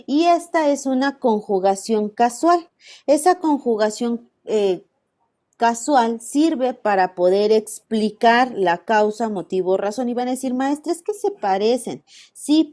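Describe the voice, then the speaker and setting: Woman lecturer, Mexican accent, slightly high voice, patient and explanatory online class delivery. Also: darkish tone. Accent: Mexican Spanish. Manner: patient, explanatory, slows down to stress examples. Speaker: university teacher.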